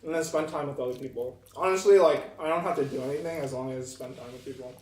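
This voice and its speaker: A man's voice: mid-range voice, fast talker, darkish tone. A young man hosting a vlog, answering questions casually while eating, humming "mm" between thoughts. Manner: eats while talking, hums "mm" between thoughts. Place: indoors at a meal. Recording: echoey room, mic at a distance, faint noise.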